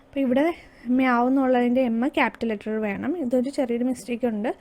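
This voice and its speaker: High-voiced Malayali teacher explaining slowly. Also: female voice, fairly even intonation, a little mellow. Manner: patient, slowing down to read English lines aloud; asks questions then answers them herself. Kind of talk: explaining a primary school English lesson.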